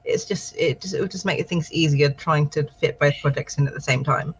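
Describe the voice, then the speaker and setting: A British woman co-hosts a casual writing livestream, chatting, thinking aloud, and reading out viewer comments in an encouraging way. Her voice sits low, moves briskly, and is slightly rough.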